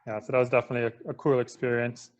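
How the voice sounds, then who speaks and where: Relaxed male podcast guest, slightly muffled. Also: mid-range voice, rapid-fire. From Michigan. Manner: relaxed, filler-heavy, lots of "like". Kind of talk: casual interview chat.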